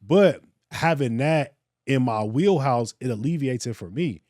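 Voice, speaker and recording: A man's voice: medium pitch, measured pace, no echo. Male podcast co-host, thirties, earnest and preacherly, dry close mic. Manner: earnest, preacherly, animated storytelling. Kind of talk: casual podcast discussion.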